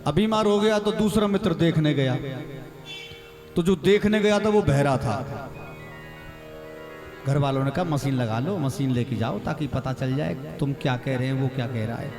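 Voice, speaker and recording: A man's voice: a little high, normal speed, pauses often. A man with a Haryanvi accent giving a devotional sermon at a temple gathering, telling a folk anecdote and acting out the voices in it. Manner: chanting then storytelling with acted quotes. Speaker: religious storyteller. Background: devotional music.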